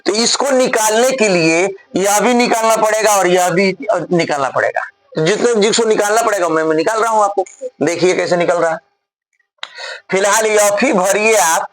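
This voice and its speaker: Man teaching physics, high voice, slow deliberate delivery, step-by-step board work, checks the class often. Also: poor audio. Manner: explains step by step, often asks the class if they follow. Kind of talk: classroom lecture solving a problem on the board.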